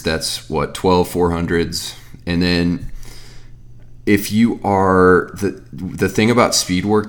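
Here a thirtysomething man with a voice pitched very deep gives workout guidance conversationally. He's a fitness coach with his own podcast, and he meanders, begins lines again and fills pauses with easygoing asides while responding to listener questions.

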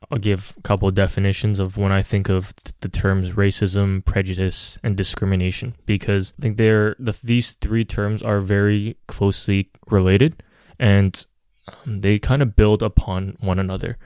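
A man explains a set of terms in a careful, methodical way. His voice is low, smooth and resonant, with an even delivery. The sound is dry and close. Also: dry recording. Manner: measured, defining terms. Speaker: panel participant. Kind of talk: explanatory discussion.

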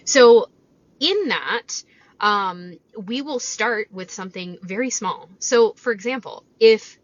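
A woman's voice: on the high side, expressive, takes it slowly. A woman talking casually as a fitness coach and podcast host, explaining things conversationally and checking in with rhetorical questions, recorded inside a parked car. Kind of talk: casual solo podcast talk, coaching advice. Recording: slightly dull lo-fi car recording.

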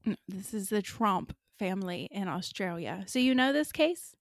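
A woman's voice: medium pitch, expressive, moderate pace, vocal fry, no room sound. A woman co-hosting a podcast, telling a weird story in a casual, chatty way with careful enunciation. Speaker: podcast co-host.

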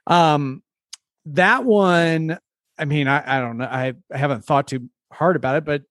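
A man's voice: on the high side, measured pace, fairly bright tone, no room sound, clean studio sound. A man co-hosting a podcast in casual chat, rambling and restarting his sentences with laughs. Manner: rambling, self-interrupting, laughing. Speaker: podcast co-host.

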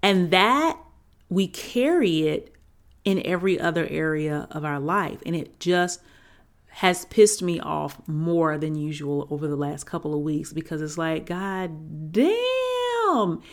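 A woman's voice: sits low, unhurried. A woman in her forties hosting a podcast, talking candidly and emphatically about her own healing, swearing freely. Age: 40s. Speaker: podcast host and healing coach. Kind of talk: reflective solo podcast talk.

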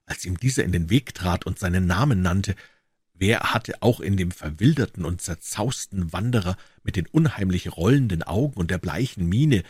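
A man reading a classic detective novel aloud in a measured, dramatic storytelling manner. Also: low voice, husky, no room sound, studio quality. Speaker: audiobook reader. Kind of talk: dramatic audiobook narration.

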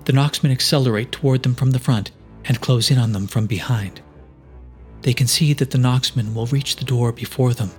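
A man's voice: medium pitch, moderate pace. Male narrator reading a story over faint music. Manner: steady, dramatic storytelling. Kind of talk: scripted narration. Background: faint musical score.

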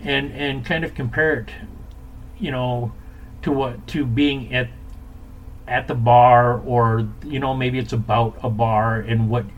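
A man's voice: mid-range voice, steady tone, takes it slowly, lo-fi sound. A man hosting a podcast, chatting casually as a bartender talking shop. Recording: clear background noise.

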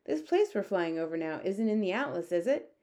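A woman's voice: medium pitch, sing-song, brisk, warm tone, natural voice. Unflappable, cheery young pilot female narrator acting, children's story, easy breezy delivery. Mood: cheerful. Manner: breezy, unbothered. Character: cheerful, fearless young male Air Force pilot.

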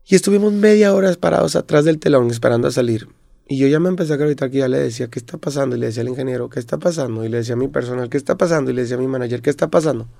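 A man's voice: mid-range voice, racing, vocal fry, no room sound. A young Mexican man, a rapper guest, animatedly retelling a bad night and acting out what people said. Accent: Mexican Spanish. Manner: animated retelling with acted-out quotes. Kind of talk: casual storytelling interview.

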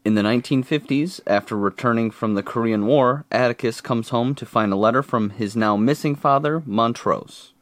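A man's voice: medium pitch, normal speed, hardly any pauses, dry recording. A man co-hosting a podcast, talking in a laid-back, conversational way. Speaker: podcast co-host. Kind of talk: casual podcast chat.

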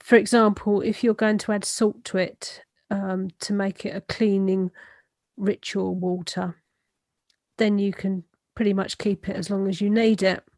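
Calm woman explaining, in a dry recording. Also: mid-range voice, a little slow, no echo. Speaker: speaker explaining a ritual practice. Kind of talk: explanatory instruction.

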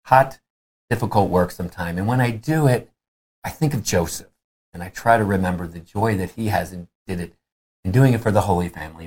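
A man's voice: low voice, darkish tone, slightly rough. A man, giving an earnest, conversational conference talk on faith and family.

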